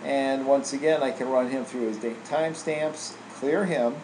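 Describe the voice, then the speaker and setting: Trainer-style, a man casually takes a viewer through software steps, informal throughout and prone to adding "right?" to statements. His mid-range voice moves at a moderate pace. The indoor screen-recording voice-over has a roomy echo and faint air-conditioning hum.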